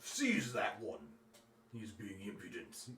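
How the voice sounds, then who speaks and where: A man's voice: on the low side, wildly swooping pitch, slow pace, a bit bright, a little hiss or hum, full character voice. A man playing a haughty slaver dragon. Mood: gloating. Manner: haughty, commanding. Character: cruel gluttonous slaver dragon, male, huge. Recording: roomy, off-mic, faint room ambience.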